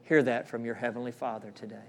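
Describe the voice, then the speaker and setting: A middle-aged male pastor preaching a sermon in a church, earnest, repeating phrases and dropping to a soft hush for quoted words. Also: mid-range voice, steady tone, fast talker, a little hiss or hum. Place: church sanctuary.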